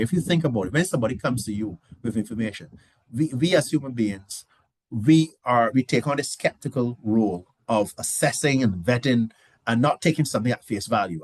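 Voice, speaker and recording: A man's voice: medium pitch, a little mellow, slightly rough, no echo. A man giving a conversational business presentation, restarting phrases and adding rhetorical asides. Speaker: guest lecturer.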